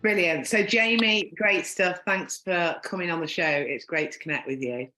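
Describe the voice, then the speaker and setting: A podcast host from Northern England runs a casual interview, chatty and rambling, with plenty of "um" and "like." Her voice sits on the low side at a normal speed, bright and forceful in tone, with faint music behind her in an echoey room.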